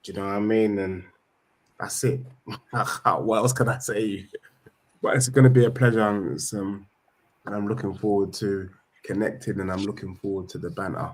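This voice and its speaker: Man, lowish voice, urban London accent, slangy, opinionated, casual football panel talk. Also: fairly even intonation, normal speed.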